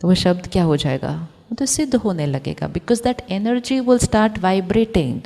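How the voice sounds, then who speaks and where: A woman spiritual teacher speaks calmly and reflectively, posing questions to her listeners and slipping English phrases into her talk. Her voice sits at a middling pitch. It carries a long reverb from a large hall. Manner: calm, reflective, asks the audience questions; mixes Hindi with English phrases. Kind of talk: spiritual talk to an audience of doctors.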